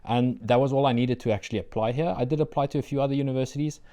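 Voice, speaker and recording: Speaking with a South African accent, a young PhD candidate whose first language is Afrikaans earnestly works through interview questions about his studies, pausing on frequent fillers. His medium-pitched voice stays steady and warm.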